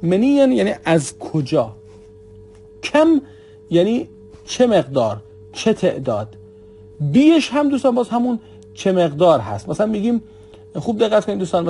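A man teaching a language lesson, saying each example word slowly and repeating it with its meaning. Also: high-pitched, mellow, breathy edge. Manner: stretches out example words, then repeats them with the meaning. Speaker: Arabic dialect teacher.

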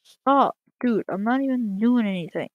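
A woman giving excitable live gameplay commentary, reading game prompts aloud and calling out to other players. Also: a little high, normal speed, no echo, phone-quality sound. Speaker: gaming channel host.

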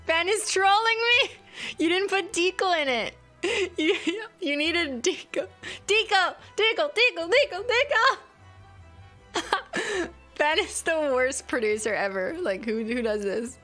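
With a very high, expressive voice and a sharp tone, a young woman hosts a casual livestream at a slow pace, reading chat playfully, teasing and laughing frequently. Soft music plays in the background of her indoor home streaming room, and she speaks into a studio mic on a boom arm.

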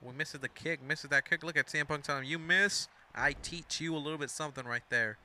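Pitched on the high side and brisk, a young Mexican man chats through casual play-by-play of a wrestling video game storyline as a fan. His very bright, sharp voice carries over faint hiss while he rambles, corrects himself and drops in asides.

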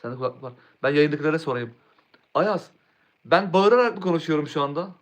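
Young man, a bit high-pitched, casually chatting to his live-stream viewers and often restarting his words. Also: lively intonation, a little fast. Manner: rambling, restarts words, answers chat.

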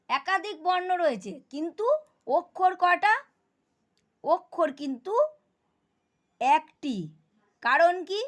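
A woman teaching a grammar lesson, asking questions and answering them herself as she spells words out slowly. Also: high-pitched, a bit bright.

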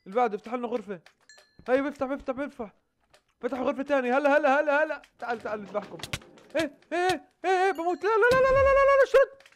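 A young man giving excited commentary over gameplay as a gaming YouTuber, repeating words and yelping whenever danger comes. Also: extremely high pitch, slight background noise.

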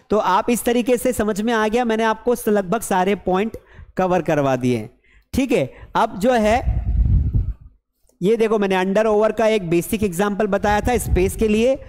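A young man teaching an online English lesson in a classroom with a blackboard, mixing Hindi and English and joking with viewers over a headset mic. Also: sits high. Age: young adult. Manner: animated, mixes Hindi and English, jokes with viewers. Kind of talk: live online lesson, chatty.

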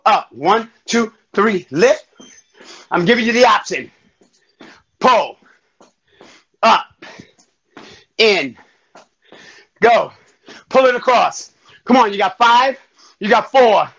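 On a lo-fi recording, a high-pitched man leads a live home workout as instructor. He's out of breath but energetic, counting down reps, announcing moves and calling out encouragement.

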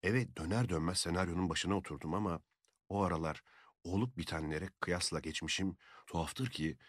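A man narrating an audiobook in a measured, matter-of-fact reading. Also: low-pitched, slightly rough, no echo, clean studio sound. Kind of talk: scripted narration.

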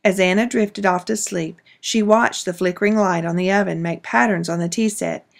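A woman narrating a children's storybook in a measured, expressive way. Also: mid-range voice, gravelly.

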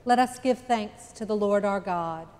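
A middle-aged woman priest leading a liturgical prayer at the altar, measured and solemn with deliberate pauses. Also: medium pitch, crowd noise. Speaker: priest celebrant. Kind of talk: chanted-spoken liturgical prayer. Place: large stone church, indoors. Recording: long church reverb.

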